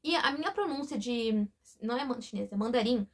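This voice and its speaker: A woman's voice: on the high side, animated, a little fast. A woman speaking in a hesitant, emotional, confiding way in a confessional vlog, often breaking off and restarting. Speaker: vlogger.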